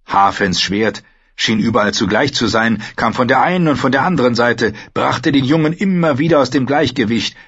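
A man reading a fantasy novel aloud as scripted narration, steady and measured. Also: mid-range voice, husky, no room sound, dull audio. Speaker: audiobook narrator.

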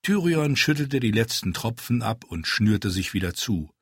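A man narrating an audiobook in German, reading scripted narration with expressive storytelling. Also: medium pitch, normal speed, husky, no room sound, clean studio sound.

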